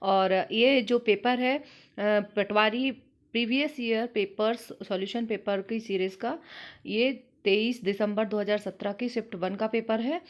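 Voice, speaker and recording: Woman teaching, explanatory, slightly high-pitched. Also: a little slow. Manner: explanatory, repeats "ठीक है" often. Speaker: online exam-prep teacher. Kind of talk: exam question walkthrough lesson.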